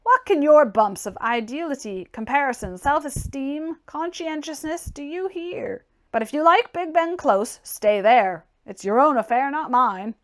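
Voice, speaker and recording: In a dramatized audiobook reading, a woman voices a blunt, opinionated, scornful young tradesman with a brusque, mocking delivery and emphatic exclamations. Her high voice is pushed up and animated, and she keeps a measured pace with few pauses.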